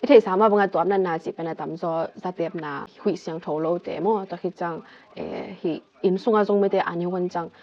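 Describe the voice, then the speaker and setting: Unhurried low-voiced woman explaining health. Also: steady tone, dull audio. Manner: explanatory, steps through medical terms one by one. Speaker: vlogger explaining a health topic.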